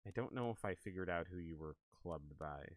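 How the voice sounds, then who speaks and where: A man livestreaming a video game, chatting casually and excitably with viewers in an animated, exclaiming way. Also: low-pitched, a little fast, a little hiss or hum. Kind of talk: casual livestream gaming chat and commentary.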